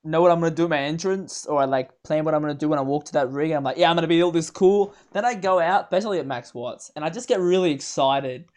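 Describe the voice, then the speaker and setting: Excitable young man chatting. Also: a little high, fast, few pauses. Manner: excitable, lots of fillers. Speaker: host. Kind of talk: casual chat.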